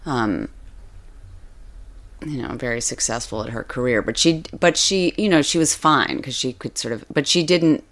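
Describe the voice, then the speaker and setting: A woman with an unusually low-pitched voice talks through an interview at her own pace. She hesitates a lot, trails off and restarts her thoughts, leaning on "you know" and "um" as she goes. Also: animated, normal speed, fairly bright tone. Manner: hesitant, many fillers and restarts. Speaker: author guest. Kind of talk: casual interview chat.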